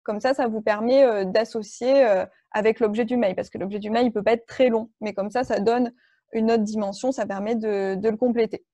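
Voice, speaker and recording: A woman's voice: on the high side, fairly even intonation, brisk, mellow, no echo. A woman leading an online workshop, explaining step by step with frequent fillers and restarts. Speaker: workshop trainer.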